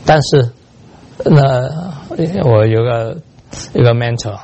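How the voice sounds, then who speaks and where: An older man, a pastor, preaching a sermon full of lively personal stories, slipping in English words and laughing at himself. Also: medium pitch, slow pace, muffled recording.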